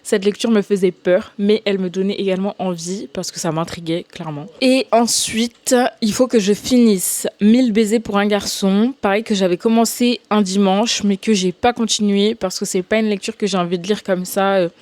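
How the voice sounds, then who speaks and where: A woman's voice: medium pitch, fairly even intonation, moderate pace, a little mellow, no echo. Chatty young woman, casual book vlogger. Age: young adult. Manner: informal, slangy, chatty. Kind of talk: casual vlog chat.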